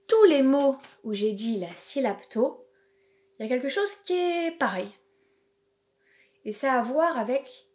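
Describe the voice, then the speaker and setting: Teaching young children through a home-school video, this woman keeps her delivery slow, clear and encouraging. Her pitch is high, with a slightly mellow quality.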